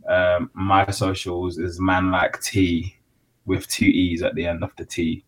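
A man's voice: low voice, monotone, measured pace, poor audio. A man, hosting a podcast with casual, slangy banter. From Zimbabwe. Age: 20s. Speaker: podcast host.

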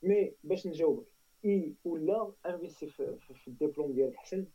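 A man's voice: a little high, quick pace, slightly rough, distant mic, muffled recording. A man with a Moroccan accent in a casual tech discussion, speaking emphatically, repeating phrases and switching into French. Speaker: tech talk panelist.

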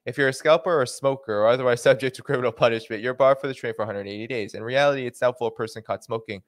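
Reading through a policy document on his livestream, the Boston-accented host talks very fast in a mid-range voice, peppering the reading with deadpan sarcastic remarks. The sound has no echo.

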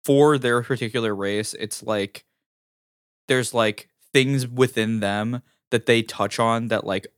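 A man's voice: mid-range voice, fairly even intonation, takes it slowly, smooth, dry recording, studio quality. A man co-hosting a casual podcast, telling stories animatedly and laughing often. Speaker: podcast co-host. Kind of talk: casual chat.

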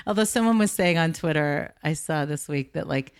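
Low-voiced American woman interviewer. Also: normal speed, clean tone. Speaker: podcast host and interviewer. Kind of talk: casual chat.

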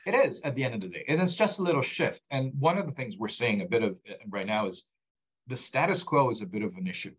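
The recording is rough, with a little hiss or hum, and the man's mid-range voice is animated and fast. He is of Egyptian background, raised abroad, and appears as a guest in a conversational podcast interview as the founder of a data platform, earnestly explaining his data work while frequently restarting and repeating his main points.

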